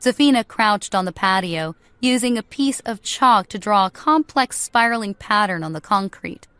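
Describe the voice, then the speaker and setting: A woman narrating a scripted story in a steady, even way. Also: mid-range voice, normal speed, clear, resonant tone, no echo.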